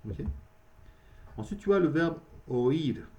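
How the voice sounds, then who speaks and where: Man teaching Spanish, lively patient explainer. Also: a little high, muffled recording. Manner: explains in French, models Spanish slowly, checks with "ok?". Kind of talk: beginner grammar lesson.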